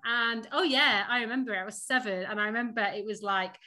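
Chatty bright-voiced Sheffield woman. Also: fairly high pitch, a little fast. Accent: Northern English (Sheffield). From Sheffield, England. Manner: chatty, laughs often, many fillers. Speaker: podcast guest, company founder. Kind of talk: casual interview chat.

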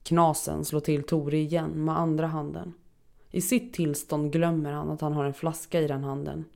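A woman narrating a first-person horror story in a steady, dark storytelling manner. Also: low voice, creaky.

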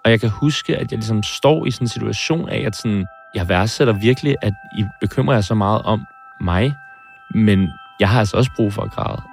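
A film director in his 20s, interviewed about his heart surgery, reflects on hard times in a low, gravelly voice. He hesitates, pausing and restarting as he searches for words, with faint music in the background.

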